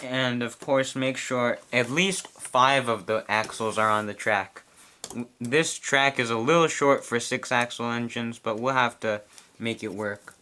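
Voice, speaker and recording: A man casually explaining how to set up a model train address changer, chewing gum as he talks in a quiet room. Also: mid-range voice, steady tone, measured pace, slight background noise. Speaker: model train hobbyist reviewer. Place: quiet room at home with model track on a table.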